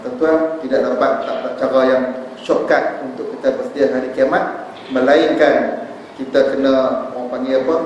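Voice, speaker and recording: A Malaysian Malay man preaches a sermon, talking straight to his congregation and telling stories. His voice sits at an ordinary pitch. It echoes heavily around a large hall and comes from well back from the mic. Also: a little mellow, distant mic, slight background noise. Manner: storytelling, addresses audience as tuan-tuan.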